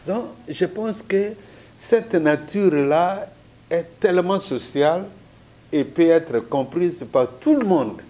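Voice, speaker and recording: A man's voice: fairly high pitch, lively intonation, slow pace, mellow. A man from Congo giving an earnest, preacher-like political commentary in an interview, making his points with parables and biblical examples.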